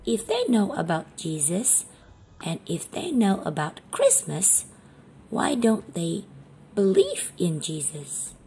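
Woman voicing a curious, excitable little boy puppet. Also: lowish voice, slow, a little hiss or hum, heavily acted, rough recording. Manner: short eager answers and innocent questions. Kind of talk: kids show puppet act.

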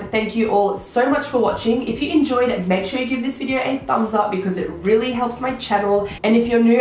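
An excitable young Australian woman talks through a makeup haul in a casual, gushing way. Her voice sounds croaky, as if she is sick. The room around her gives a noticeable echo, with a faint hum of ambience underneath. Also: medium pitch. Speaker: beauty vlogger.

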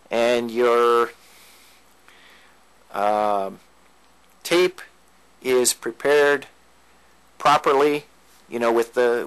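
In a casual home video, a man walks through using vintage tape equipment, talking through every step in a smooth, fairly bright, mid-range voice. Background noise comes through, and the recording sounds rough.

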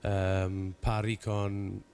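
A man in his forties, a native English speaker with English-accented Italian, speaking haltingly in a studio interview as a rugby coach and searching for words. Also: fairly low pitch, flat delivery, a little mellow, slight background noise. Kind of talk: television interview. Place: television studio.

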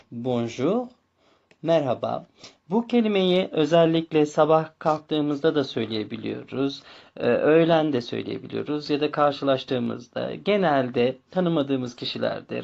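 A male language teacher talks at an unhurried pace. He goes through words one at a time, repeating each and spelling out letters, and his pitch rises and falls in a lively way. The recording sounds dull and lo-fi. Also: creaky. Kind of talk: slow bilingual language lesson.

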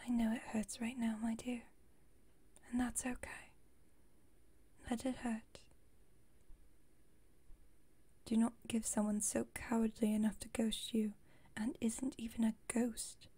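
On the high side in pitch, a woman whispers breathily and mellowly as a haughty, playful vampire in an intimate ASMR roleplay. She sounds gently reassuring, her delivery fairly even. Her teasing is formal and wry, and she has a protective streak.

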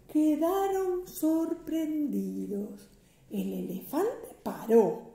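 An older woman with a Rioplatense accent reading a children's picture book aloud, slow, sing-song and expressive. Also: medium pitch, gravelly, roomy sound. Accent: Rioplatense Spanish. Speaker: storyteller grandmother.

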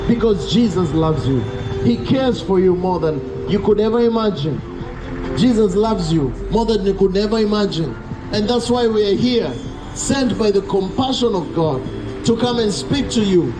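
A middle-aged man with a Kenyan accent preaching outdoors on a city street through a handheld microphone, fervent and pleading, repeating phrases for emphasis. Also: sits high. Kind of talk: open-air street preaching. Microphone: handheld microphone through a small speaker. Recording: echoey outdoor sound with music and traffic behind.

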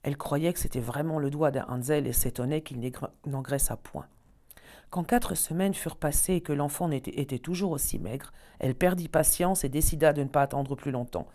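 A woman storyteller reading a fairy tale aloud in an expressive, measured way. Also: deep voice.

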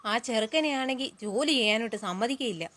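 A woman playing a sharp-tongued middle-aged mother who scolds and gossips about her daughter-in-law in a comedic short film. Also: on the high side, expressive, fast talker. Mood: gossiping.

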